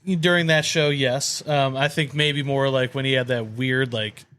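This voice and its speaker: A man's voice: medium pitch, fairly even intonation, fairly bright tone. Male co-host, wisecracking banter, everyday voice. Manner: teasing, quick with jokes. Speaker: podcast co-host. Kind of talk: casual chat.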